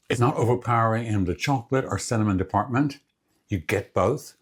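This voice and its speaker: Low husky-voiced man cooking at home. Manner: relaxed, chatty, savoring food aloud. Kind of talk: casual cooking demonstration.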